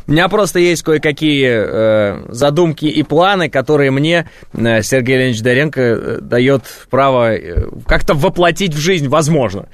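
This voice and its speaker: A man's voice: medium pitch, animated, moderate pace, no echo. A man hosting a radio call-in show, chatting in a joking, self-ironic way with many fillers. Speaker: radio host. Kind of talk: casual radio talk with callers.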